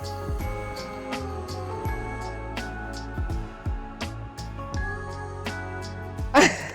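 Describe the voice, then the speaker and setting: A woman's voice: extremely high pitch, wildly swooping pitch, drawn-out words, soft background music. A woman vlogging casually and talking with effort while she runs outdoors. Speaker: running vlogger. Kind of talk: casual vlog talk to camera. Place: outdoors on a snowy road in falling snow.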